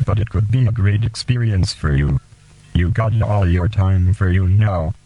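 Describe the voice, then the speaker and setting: A man hosting a radio show, speaking in slow, deliberate, halting phrases and reading poems aloud. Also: sits low, dark tone, lo-fi sound, soft background music. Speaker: radio host.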